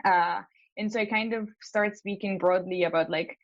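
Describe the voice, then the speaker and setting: A young woman from Spain on a coaching call talks hesitantly, restarting sentences and filling pauses. Her voice is dry and close, with slightly dull video-call audio. She sits at a middling pitch. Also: fairly even intonation, no echo. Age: young adult. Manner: hesitant, many fillers and restarts. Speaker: law school applicant.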